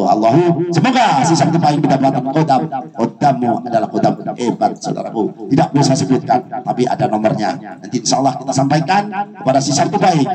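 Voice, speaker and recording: A man giving preachy spiritual advice straight to the listener, with lively swings in pitch. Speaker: spiritual advisor. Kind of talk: religious advice talk.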